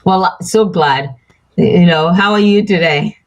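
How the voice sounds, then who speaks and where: Female live-stream card reader, low pitch, unhurried, soothing, chatty with her audience. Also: highs cut off. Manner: slow, soothing, chats with viewers by name. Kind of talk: live stream chat, reading cards.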